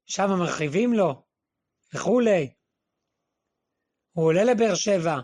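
A man giving a Torah class, who asks questions and answers them himself, and quotes verses and what figures say in a lower, quieter voice. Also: lively intonation. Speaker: Torah teacher.

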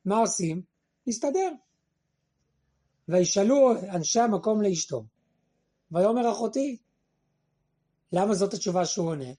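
Husky, high-voiced man teaching Torah. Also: animated, long pauses. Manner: asks questions and answers them himself; quotes verses and speaks figures' lines in a lower, quieter voice. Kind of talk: Torah class.

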